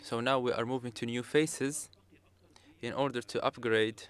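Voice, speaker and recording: A man with a smooth, clear voice of medium pitch interprets a conference talk live. His phrasing is hesitant and comes in pieces. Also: fairly even intonation, normal speed.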